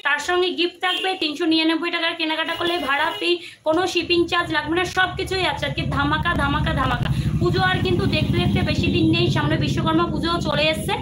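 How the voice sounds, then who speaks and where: Woman, very high voice, live-stream seller, coaxing, repetitive, strained throat, no mic, faint background noise. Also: fairly even intonation, fast. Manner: repetitive, coaxing, many fillers and restarts. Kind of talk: casual live-stream sales pitch. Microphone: no microphone, phone or camera mic.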